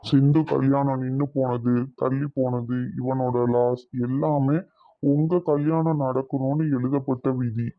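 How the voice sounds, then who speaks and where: A man voicing an earnest middle-aged father in an animated series, giving a heartfelt speech. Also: mid-range voice, a little slow, no echo, natural voice. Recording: tinny phone-like sound.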